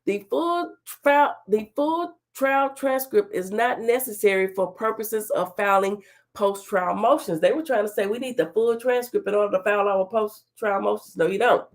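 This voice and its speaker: This middle-aged woman sounds stuffy and under the weather, speaking at normal speed in a medium-pitched voice. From a home studio with a virtual background, she hosts her own talk show, reading court papers aloud and interrupting herself with sassy, chatty remarks.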